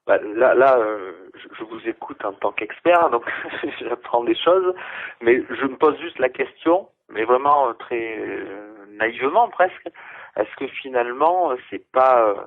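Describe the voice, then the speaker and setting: A man's voice: mid-range voice, animated, unhurried. A man on a football debate show, musing hesitantly and asking a tentative question. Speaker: radio guest. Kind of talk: debate talk. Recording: tinny phone line.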